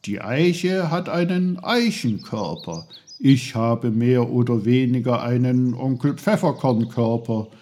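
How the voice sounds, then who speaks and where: A man's voice: medium pitch, expressive, slow pace, a little mellow, pitched above the performer's own voice. A man voicing a fussy, know-it-all little uncle who lectures a boy. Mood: lecturing. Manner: busy, lecturing.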